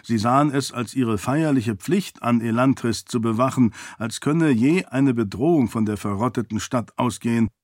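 A man reading a fantasy novel aloud in measured, even storytelling narration. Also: mid-range voice, no echo, clean studio sound. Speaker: audiobook narrator. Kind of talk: scripted narration.

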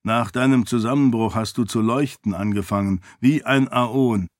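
A man voicing a calm, sceptical male friend who explains things in a level way. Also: mid-range voice, moderate pace, no echo, studio quality, close to an everyday voice. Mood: explaining.

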